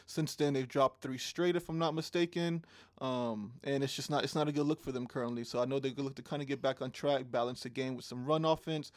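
Talking fast with fairly even intonation at a medium pitch, a man co-hosts a laid-back fantasy football show. Expect plenty of ums and playful ribbing about teams, all recorded with no room sound.

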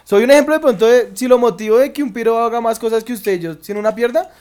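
A young comedian in his twenties with a high voice, chatting in a relaxed, slangy way. He mocks himself easily. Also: fast, smooth. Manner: relaxed, slangy, self-mocking. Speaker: comedian, co-host. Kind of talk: casual chat.

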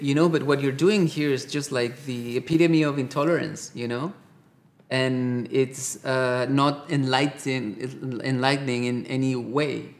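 A man from Colombia with a Colombian accent, talking casually as a guest, rambling with many fillers and growing heated. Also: medium pitch. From South America. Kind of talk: casual conversation.

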